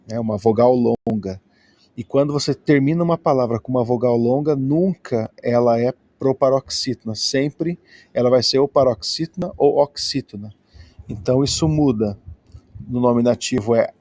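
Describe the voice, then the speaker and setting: A man's voice: medium pitch, a little mellow, no echo. A Brazilian man giving a patient, explanatory lesson, often checking in with his listeners. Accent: Brazilian Portuguese. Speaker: Greek teacher.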